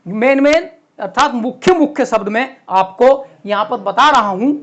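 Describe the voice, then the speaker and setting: A man teaching a lesson to exam students, writing on a board as he explains and repeating words slowly and clearly. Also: extremely high pitch, a bit bright.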